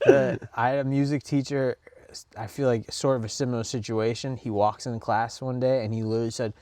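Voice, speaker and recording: A man's voice: medium pitch, fairly even intonation, a little fast, darkish tone. A young man co-hosting a podcast, chatting casually and telling joking stories. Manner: joking, storytelling, laughs often. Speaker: podcast co-host. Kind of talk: casual chat.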